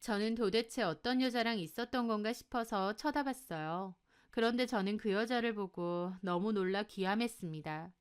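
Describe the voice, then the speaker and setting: A woman's voice: mid-range voice, moderate pace, clean tone. A woman narrating a dramatic first-person story in a scripted storytelling style.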